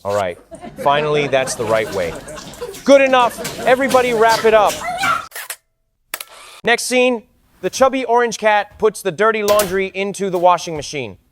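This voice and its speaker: A man's voice: high-pitched, sing-song, normal speed, long pauses, noisy background. A man playing a film director on set, calling cut and again in a bossy, exasperated way. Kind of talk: scripted comedic narration.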